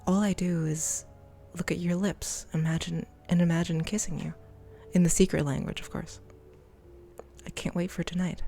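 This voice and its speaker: Low-voiced woman reading letters softly. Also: fairly even intonation, moderate pace, vocal fry, faint music behind. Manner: often drops into a soft whisper while reading. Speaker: streamer. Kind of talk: reading game dialogue and letters aloud on a live stream.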